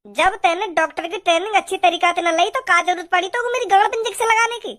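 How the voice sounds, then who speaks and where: An actor doing a squeaky, angry village man. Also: fast talker, pushed and bright. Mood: accusing. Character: angry rural village man, a patient, quarrelsome and loud. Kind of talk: cartoon voice acting.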